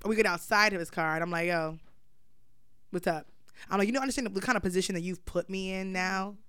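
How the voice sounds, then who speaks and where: A young woman in her twenties on a casual podcast, spinning a long story and slipping into everyone's voices as she goes. Her voice is smooth and clear, recorded close and dry with no room sound. She's blunt and profane, and throws herself into it. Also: mid-range voice, fast, no echo. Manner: animated storyteller acting out dialogue, blunt and profane. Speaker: podcast co-host telling a story. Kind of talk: casual chat.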